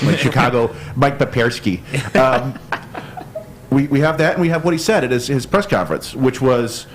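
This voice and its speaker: A man co-hosting a sports podcast, laying out his points in a steady, explanatory way. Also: mid-range voice, slight background noise. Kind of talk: casual sports chat.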